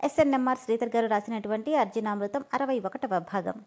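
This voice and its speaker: A woman narrates a serialized drama story with lively expression. Her voice sits fairly high for a woman. Her delivery is steady and storytelling in style. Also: fairly quick. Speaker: story reader.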